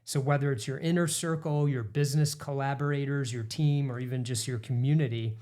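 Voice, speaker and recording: A middle-aged man hosting a podcast, setting up the topic in a smooth, earnest way. His voice sits at an ordinary, medium pitch. He talks like a practiced presenter. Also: steady tone, brisk, a little mellow. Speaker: podcast co-host. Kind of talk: scripted podcast introduction.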